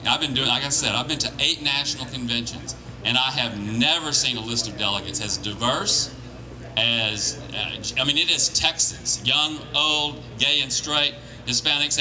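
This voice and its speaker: A plain-spoken man giving an informal political speech as a campaign organiser, with halting restarts. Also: mid-range voice, rough recording. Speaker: campaign organiser addressing volunteers. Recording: crowd noise behind live speech. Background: crowd.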